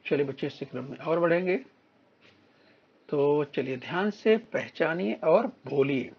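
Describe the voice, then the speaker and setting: A man teaching a recorded lesson to young children, reading words slowly and clearly for them to repeat. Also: a little high, dull audio. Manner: slow, drawn-out word-by-word reading for children to repeat. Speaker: primary school teacher.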